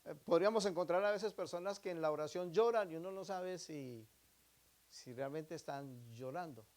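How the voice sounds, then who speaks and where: A man preaching a sermon, often asking the congregation questions, shifting between emphatic loud phrases and quiet asides. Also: fairly high pitch, moderate pace. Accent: Latin American Spanish. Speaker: pastor.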